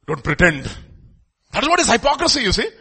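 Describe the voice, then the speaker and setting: A man with an Indian accent and a husky voice preaching a sermon emphatically, repeating phrases and posing rhetorical questions. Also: high-pitched, wildly swooping pitch, quick pace, pushed and bright.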